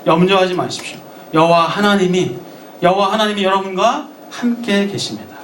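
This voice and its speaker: A high-voiced male pastor preaching a sermon, heard from some distance in a roomy, echoing church. He turns to the congregation with questions and acts out the words of those he quotes. Faint ambience hangs behind him. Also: lively intonation, fairly quick, a little hiss or hum. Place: church sanctuary.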